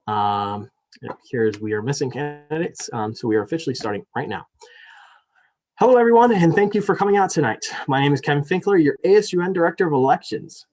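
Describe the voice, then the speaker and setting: Moderating a live debate over a video call, the young student elections director speaks with a slightly high, darkish-toned voice. Filler-heavy, apologetic small talk comes first; the formal reading of the rules follows.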